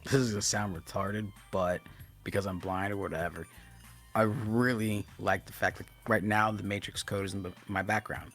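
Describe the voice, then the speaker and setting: A man's voice: on the low side, steady tone, normal speed, a bit bright, faint music behind. A man co-hosting a live stream from his computer setup, chatting in a loose, joking way with some swearing. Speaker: co-host of a live stream show. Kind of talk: casual chat.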